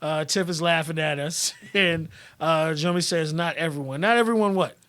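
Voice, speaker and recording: A man's voice: fairly high pitch, normal speed. A man hosting a live stream, reading viewer comments and talking bluntly with lots of swearing. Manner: blunt and profane, animated.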